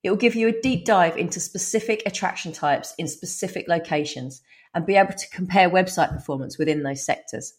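A woman's voice: on the low side, brisk. A woman with a twangy Essex accent hosting a podcast solo, speaking directly to listeners in an informal, self-deprecating, chatty way. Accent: Essex, England. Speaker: podcast host.

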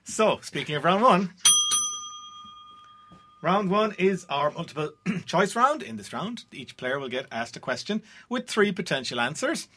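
Irish male radio quiz host, higher-pitched, animated delivery. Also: unhurried. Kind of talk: radio trivia quiz presenting. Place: radio studio.

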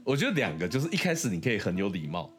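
Low-voiced man chatting with laughs. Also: very fast. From Taiwan. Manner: laughs often, lively storytelling. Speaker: podcast co-host. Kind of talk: casual chat. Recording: faint guitar music behind.

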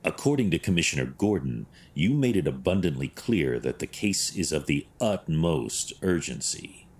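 A man with a deep, rumbling voice plays a stoic masked vigilante detective in an audio drama, speaking at normal speed. His clipped, formal, deadpan phrasing comes across as calm and commanding.

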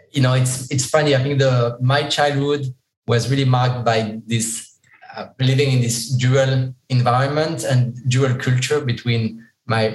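A man in his forties with a French accent talks as a podcast guest, thoughtful and a little halting, stopping and restarting his sentences. His voice sits at an ordinary middle pitch. It is recorded in a noticeably echoey room. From southeast France. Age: 40s. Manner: thoughtful, hesitant with many fillers and restarts. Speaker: guest, e-commerce executive. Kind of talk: casual interview chat.

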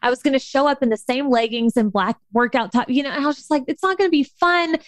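A woman's voice: fairly high pitch, fast, dry recording. Chatty woman telling a story. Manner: animated, chatty, many restarts. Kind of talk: casual storytelling chat.

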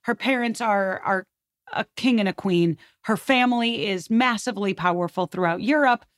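A female podcast guest with a medium-pitched voice talks at length at normal speed, emphatic and rambling, as though recounting a story from history. The studio-quality recording has no room sound.

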